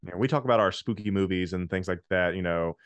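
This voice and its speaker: A man co-hosting a podcast, chatting in a relaxed, rambling way with plenty of fillers. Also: low voice, fast, smooth, no echo. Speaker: podcast co-host. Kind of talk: casual chat.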